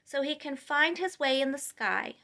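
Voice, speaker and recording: A woman reader plays a generous young princess in a children's storybook. She sounds bright and slightly high, with an upbeat, inviting manner. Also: expressive, moderate pace, exaggerated voice. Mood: playful.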